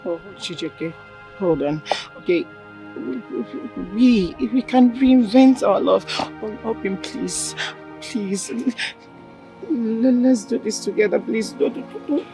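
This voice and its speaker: A desperate young woman pleading for her lover, her voice rising into cries. She speaks slowly, almost dragging each word. A movie score plays clearly behind her. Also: mid-range voice, warm tone. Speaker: jilted lover. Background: film score music.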